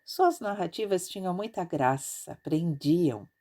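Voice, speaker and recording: A woman narrating an audiobook in a measured, expressive reading style. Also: fairly low pitch.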